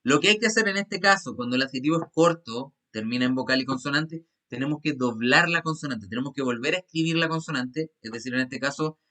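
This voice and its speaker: A man's voice: medium pitch, fast, few pauses, sharp tone. A man teaching an English class over a video call, patiently repeating grammar rules step by step. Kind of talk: online class explanation.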